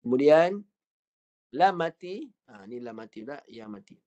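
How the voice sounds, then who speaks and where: The teacher's medium-pitched voice is animated and a little mellow, moving at a normal pace. With a Malaysian accent, he models Quran words one at a time and asks the class to repeat them in a slow lesson, recorded online in dull, lo-fi quality.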